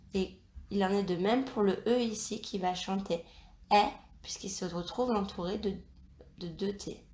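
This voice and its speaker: A woman teacher giving a dictation lesson, slowly spelling out sounds and letters. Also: medium pitch, a little mellow, roomy sound. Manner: slow, carefully spelled-out instruction.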